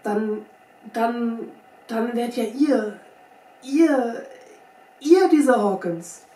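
Woman voicing a pompous army captain, indignant, stammers when caught off guard, high and loud, echoey, far from mic. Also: moderate pace, close to an everyday voice. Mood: startled. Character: pompous, easily flustered male army captain. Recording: roomy sound from a distant mic, faint hiss.

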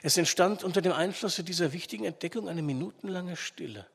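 A man reading an old adventure story aloud in a measured, expressive storytelling manner, in reverberant sound. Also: sits high, creaky, slightly rough. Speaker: audiobook reader. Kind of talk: audiobook narration.

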